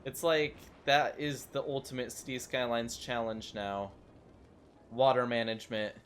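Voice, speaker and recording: A man's voice: mid-range voice, fairly even intonation, measured pace, fairly bright tone, slight background noise. A young man casually commenting while playing a city-building game, chatty and self-mocking, rambling into asides. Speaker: gaming YouTuber.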